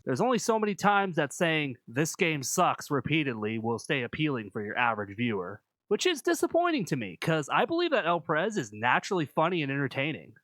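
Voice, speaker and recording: A man reading scripted video essay narration in a measured, explanatory manner. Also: fairly high pitch, huge pitch swings, a bit bright, dry recording, poor audio.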